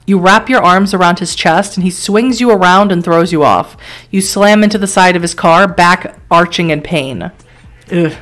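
A woman with a fairly low voice streams herself reading an interactive horror story out loud. She carries the narration in an even storytelling tone, then drops into quick surprised reactions and light laughs as she talks through her options. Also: soft background music. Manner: steady storytelling read broken by quick surprised asides; laughs between lines and weighs choices aloud. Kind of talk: reading interactive horror fiction aloud with live commentary.

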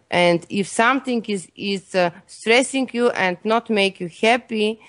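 A woman's voice: medium pitch, no room sound. A Bulgarian woman, a guest health expert, earnestly explaining her views in English with non-native grammar and a Bulgarian accent. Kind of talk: interview answers.

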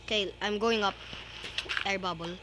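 A young female host chatting excitedly through a Minecraft let's play and teasing her brother. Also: medium pitch, normal speed. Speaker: gaming channel host. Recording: noisy background.

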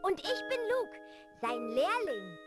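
An actor playing an eager, polite young boy apprentice in a video game, earnest and excitable. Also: very high-pitched, slow pace, exaggerated voice. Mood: eager, proud. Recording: loud music under the voice.

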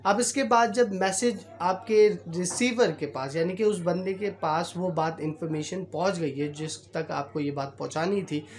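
A man teaching a lesson in a conversational way, pausing on fillers and acting out bits of quoted dialogue. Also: sits high. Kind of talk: explanatory lesson.

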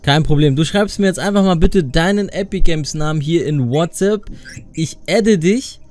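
A young adult man hosting a gaming video, talking casually and playfully in youth slang with an excitable manner. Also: a little high, moderate pace. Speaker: gaming video creator and host. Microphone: studio condenser microphone up close. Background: faint music.

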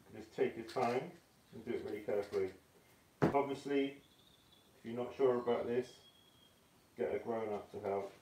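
A man teaching a casual art tutorial indoors, talking in a relaxed, offhand, self-deprecating way through a respirator mask that muffles his voice. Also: mid-range voice, slight background noise. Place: indoor studio room. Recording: roomy, mic at a distance.

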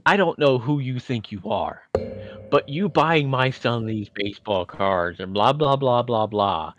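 A man's voice: medium pitch, expressive, unhurried, muffled recording, close to an everyday voice. A man voicing an angry, protective mother, speaking clipped through gritted teeth. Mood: scolding.

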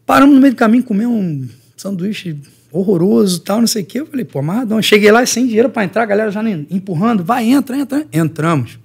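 A man's voice: high-pitched, quick pace, creaky, breathy edge. A middle-aged man from Rio, a jiu-jitsu teacher telling stories as a podcast guest and acting out other people's lines. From Rio de Janeiro, Brazil. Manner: lively storyteller who acts out the voices of others. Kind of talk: podcast interview storytelling.

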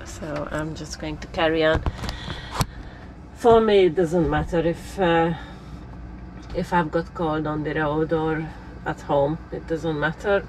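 A woman's voice: deep voice, takes it slowly, noisy background. Woman with a cold chatting in a lorry cab. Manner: relaxed, chatty, laughs often, slightly non-native phrasing. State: has a cold. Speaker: lorry driver vlogger. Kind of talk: casual vlog chat. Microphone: camera on the dashboard.

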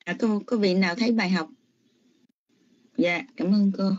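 A woman, reciting and breaking down scripture syllable by syllable in a polite, deliberate way as a student in an online class. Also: medium pitch, steady tone, a little mellow. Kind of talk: slow syllable-by-syllable Pali chanting and analysis. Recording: muffled online call audio.

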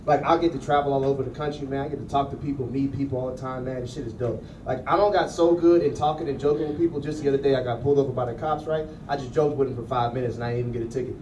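Here an American comic with a mid-range voice fires off jokes rapidly, pausing only a little and keeping his intonation fairly even. He holds a handheld microphone on a small club stage, spinning casual, slangy, punchy stories. Loud laughter and crowd noise fill the roomy, distant recording.

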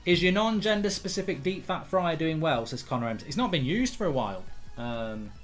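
A man chatting casually while streaming a game, reading chat aloud and shouting at his character. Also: a little high, animated, brisk, faint music behind.

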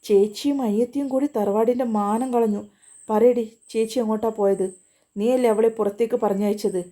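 A woman's voice: a little high, fairly even intonation, normal speed, lightly acted. A woman voicing a furious older brother who scolds and orders his sister about. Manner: scolding, shouting commands.

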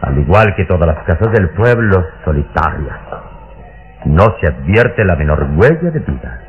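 Grave alert hero, low voice, vintage radio drama, muffled recording. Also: male voice, big pitch swings, moderate pace, faint music behind. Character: calm, watchful adventurer hero, grave and commanding. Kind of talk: old radio drama acting. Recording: dull old radio recording.

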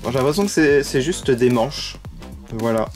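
A man's voice: mid-range voice, expressive, moderate pace, darkish tone. A man giving casual unboxing commentary as a toy vlogger, gushing with frequent delighted exclamations. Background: background music.

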